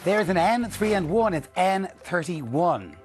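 Higher-pitched game-show host with music behind. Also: male voice, very animated, a little slow. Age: middle-aged. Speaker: TV bingo presenter. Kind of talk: scripted game-show presenting, calling out numbers. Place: TV studio. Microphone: lapel mic.

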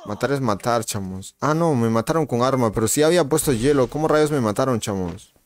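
A man hosting a live game stream talks fairly quickly in an ordinary middle pitch. His chatter is casual and slangy as he greets viewers one by one by name and reacts aloud to the fight on screen.

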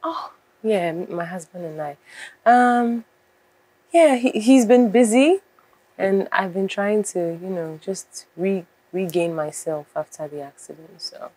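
A woman's voice: mid-range voice, a little slow, a little mellow, natural voice. An actress playing a confused young wife, restless and questioning as she recovers from an accident. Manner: restless, questioning, with a wide-ranging voice.

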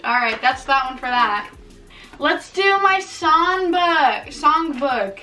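Bright, high-pitched young woman, casual and playful. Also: animated, slow pace. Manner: informal, playful commentary. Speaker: vlogger. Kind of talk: casual chat and reading old childhood writings aloud. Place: small bedroom, indoors, sitting on a bed. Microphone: camera a few feet away. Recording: distant mic in a room, music behind.

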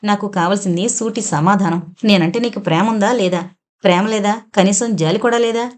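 A woman's voice: medium pitch, normal speed, lightly acted. A woman voicing an impulsive young man who insists on a straight answer, in an audio novel. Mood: insistent.

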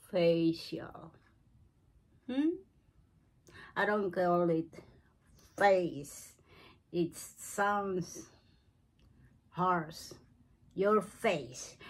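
Slow-talking woman in her seventies. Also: lowish voice. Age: 70s. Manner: slow, searching for words, non-native phrasing. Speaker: craft and beauty vlogger. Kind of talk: unscripted home tutorial. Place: cluttered living room at home.

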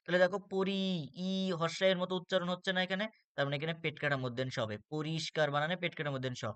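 A man with a Bangladeshi Bengali accent teaches a spelling lesson in a smooth, resonant voice that sits fairly high. He works through examples step by step, repeating words and filling pauses with "ah". The sound is close and dry, with no room around it. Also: steady tone, fairly bright tone, no echo. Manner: explains step by step, repeats words, frequent "ah" fillers. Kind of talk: spelling lesson for exam students.

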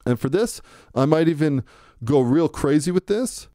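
A man giving a relaxed, conversational music production tutorial, thinking aloud as he works. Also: fairly high pitch, normal speed, no room sound, studio quality. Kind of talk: screen-recorded software tutorial. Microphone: close to a studio microphone.

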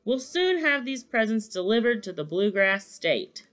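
A woman reading a children's storybook aloud, voicing a jolly, hearty old Santa Claus who booms and blusters. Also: very animated, unhurried, fairly bright tone. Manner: booming, hearty.

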